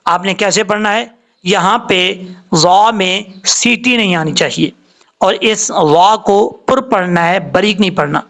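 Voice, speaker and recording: A man teaching a tajweed lesson, spelling out letters and vowel marks before he draws the recited words out slowly. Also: high voice, a bit bright. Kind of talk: slow step-by-step tajweed lesson.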